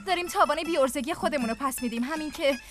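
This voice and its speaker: An actress playing a sharp-tongued young village daughter, bossy but caring, scolding and giving orders. Her voice sits high. Loud music plays behind her. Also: lightly acted. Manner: scolding, commanding.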